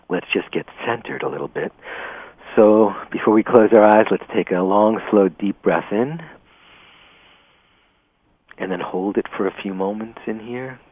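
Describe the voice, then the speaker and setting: A man leading a guided meditation in a slow, gentle, soothing way, heard over a narrow radio broadcast. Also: deep voice, slightly rough. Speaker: meditation teacher.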